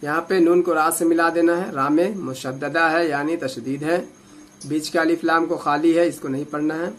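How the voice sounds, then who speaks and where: हिंदी-उर्दू लहजे वाला एक पुरुष कुरान शिक्षक, जो आयतें धैर्य के साथ एक-एक हिज्जे में तोड़कर धीरे-धीरे पढ़ाता है।. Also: male voice, fairly high pitch, fairly even intonation, a bit bright, a little hiss or hum. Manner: patient, drawn-out syllable drilling. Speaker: Quran teacher. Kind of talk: slow spelled-out recitation lesson.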